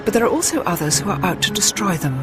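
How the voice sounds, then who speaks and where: A woman's voice: mid-range voice, very animated, quick pace. A woman presenter giving a dramatic, scripted nature documentary narration. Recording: music behind the voice.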